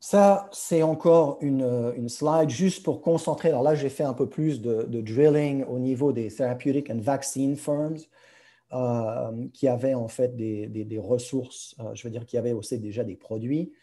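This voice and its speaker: A man's voice: medium pitch, measured pace, warm tone. A man giving a slide presentation, hesitant and searching for words, mixing practised English terms into his French. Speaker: guest speaker presenting slides. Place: remote video conference.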